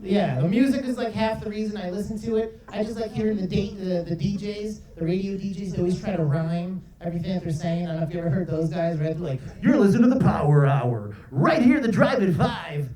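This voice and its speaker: A man's voice: high-pitched, fairly even intonation, quick pace, hardly any pauses, distant mic. A man doing a stand-up comedy set, chatty and riffing with the crowd. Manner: chatty, riffs with the crowd, lots of "right?". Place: comedy club stage, live audience. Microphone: handheld mic heard from a far camera. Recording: roomy club sound from afar, crowd.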